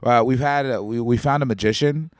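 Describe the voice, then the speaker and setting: A man's voice: medium pitch, brisk, clear, resonant tone, dry recording, clean studio sound. A male comedian chatting casually with a co-host, rambling and often checking whether he is understood. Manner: rambling and animated, often asking "you know what I mean". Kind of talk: casual chat.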